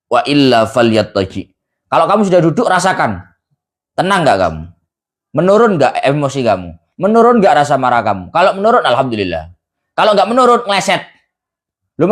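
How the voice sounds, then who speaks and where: Lively East Javanese preacher, folksy teaching. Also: male voice, medium pitch. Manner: folksy, addresses listeners directly with rhetorical questions and jokes; chants Arabic quotations slowly, then explains. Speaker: preacher teaching a religious study circle. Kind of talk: casual sermon mixing Javanese and Indonesian.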